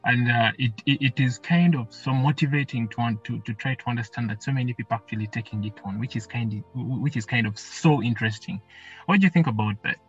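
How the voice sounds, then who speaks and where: A man's voice: mid-range voice, fast, husky, highs cut off, faint music behind. A man hosting a podcast, chatting casually and rambling as he repeats himself. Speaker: podcast host. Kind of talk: casual interview.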